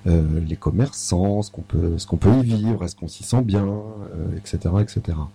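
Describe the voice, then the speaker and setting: A man hosting an interview, his voice low and a little husky with a dark tone. He asks long, winding questions with plenty of hesitations. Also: moderate pace. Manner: rambling questions with fillers.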